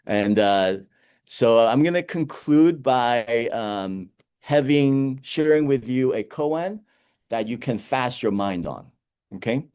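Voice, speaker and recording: A man giving a lecture, telling Zen koans with animated storytelling and frequent chuckles. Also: mid-range voice, takes it slowly, clean tone.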